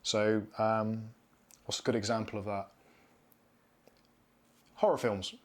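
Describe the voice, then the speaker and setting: A fairly low, steady voice belongs to this Bristolian live stream host, a man in his thirties from southwest England who takes it slowly. He hosts a casual Q&A from a home studio with shelves and neon signs, chatting as he reads viewer comments and answers them.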